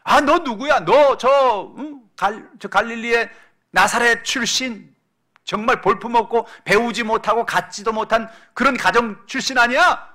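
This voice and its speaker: A man's voice: medium pitch, lively intonation, brisk, sharp tone. A man voicing a scornful unbeliever from the crowd who sneers and taunts. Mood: jeering.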